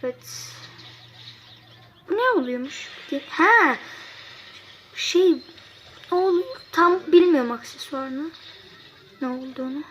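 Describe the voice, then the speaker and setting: A kid giving casual gameplay commentary to viewers, excitable and quick to frustrated outbursts. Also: high voice, slight background noise, low-quality recording. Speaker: gameplay youtuber.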